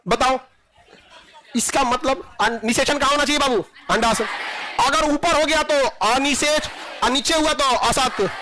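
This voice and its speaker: A man's voice: extremely high pitch, a little slow, noisy background. A man teaching a classroom biology lecture, joking and teasing his students and laughing often.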